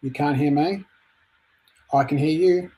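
Husky-voiced male podcast co-host. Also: a little high, a little slow, dark tone, poor audio. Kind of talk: casual podcast interview.

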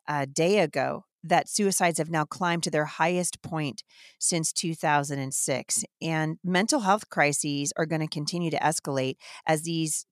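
Indignant low-voiced woman host. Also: dry recording, studio quality. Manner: indignant, emphatic, fast-flowing. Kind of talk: impassioned devotional talk.

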